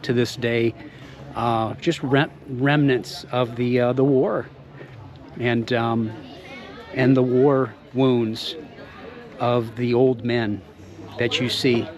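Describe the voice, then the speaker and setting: A man talks through his travels in a relaxed, rambling way. His voice sits in an ordinary middle pitch, and he pauses often to find his words while outdoors in a city. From Ohio, United States. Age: 50s. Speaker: travel vlogger. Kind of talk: casual travel vlog narration.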